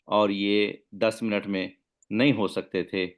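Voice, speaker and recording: A man moderating an online class, courteous and formal, pausing often with fillers on a video call. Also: on the low side, little pitch movement.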